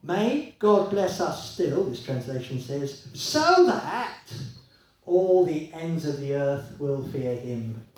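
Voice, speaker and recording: A man preaching a sermon in a church, conversational and lively, with many rhetorical questions to the congregation. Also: a little high, takes it slowly. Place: church hall. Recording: echoey hall, voice from a distance.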